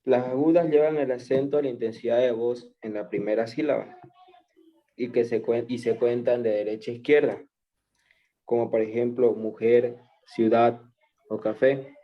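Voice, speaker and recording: A man's voice: medium pitch, steady tone, moderate pace. A man student giving a class presentation, listing word examples in a reading tone. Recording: muffled lo-fi audio.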